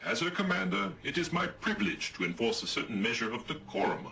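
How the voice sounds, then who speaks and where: An actor playing a pompous, old-fashioned robot naval captain in a video game, with theatrical gentlemanly diction. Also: male voice, medium pitch, a little fast, gravelly, slight background noise, full character voice. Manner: grandiose, lively commanding delivery. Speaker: ship's captain.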